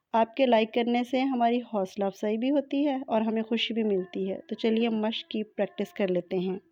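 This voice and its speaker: A woman teaching a tajweed lesson, explaining patiently and methodically and spelling letters out slowly. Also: on the high side, darkish tone, no echo. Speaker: Quran recitation teacher. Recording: dull lo-fi sound.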